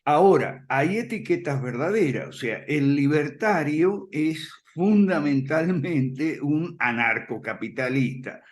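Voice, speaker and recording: A man explaining ideas in conversation, firm and emphatic, often checking in with a quick "ok?" and soft chuckles. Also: on the high side, expressive. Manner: emphatic, repeats points firmly. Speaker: guest speaker on classical liberalism.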